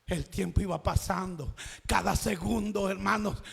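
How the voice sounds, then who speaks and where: A man preaching an evangelical sermon in a church, impassioned and often shouting as he tells the story. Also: high-pitched, steady tone, unhurried, creaky, breathy edge, long reverb tail. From El Salvador.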